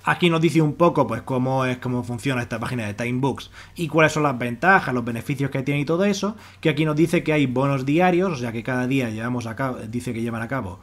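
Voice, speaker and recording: Speaking quickly and barely pausing, a medium-pitched man with a Spanish accent narrates a screen-share as a YouTuber covering money-making websites. His walkthrough is relaxed and long-winded, with frequent repetition to get points across.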